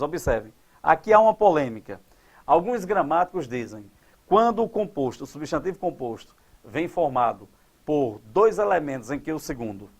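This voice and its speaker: A man teaching grammar at a board, quizzing his class and drawing out example words slowly. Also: fairly high pitch. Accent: Brazilian Portuguese. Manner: didactic, asks the class questions and answers them.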